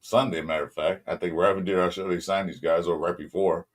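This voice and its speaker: A man with a Southern California accent hosting a casual sports podcast, rambling loosely with lots of ums and shout-outs to viewers. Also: deep voice, fairly even intonation, a little fast. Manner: loose, rambling delivery with many ums, greets viewers mid-talk. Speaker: podcast host.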